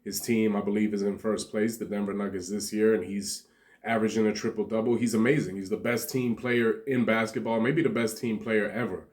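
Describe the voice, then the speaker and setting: A man's voice: lowish voice, steady tone, fairly quick. A man from Montenegro giving a rambling, slangy commentary monologue as a vlogger, laughing between points.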